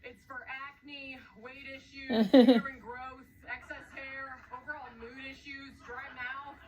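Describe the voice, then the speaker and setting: An actress playing a chatty, oversharing young office worker in a comedy sketch, in a breezy manner. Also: female voice, high-pitched, little pitch movement, measured pace. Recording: TV audio heard from off-mic with noise.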